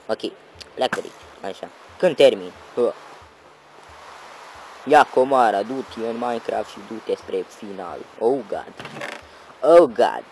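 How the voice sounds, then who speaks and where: Excitable young man doing game commentary. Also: on the low side, a little hiss or hum, rough recording. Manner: excitable, swears and yells at enemies. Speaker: gaming channel host. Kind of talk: let's-play gameplay commentary. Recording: loud game music behind the voice.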